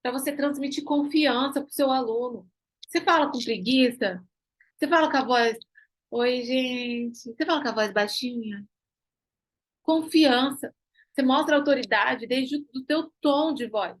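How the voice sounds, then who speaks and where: A woman teaches an online class in a high voice. She is emphatic, hammers key phrases again and again and keeps asking rhetorical questions. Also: moderate pace, poor audio. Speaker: pilates teacher and business mentor.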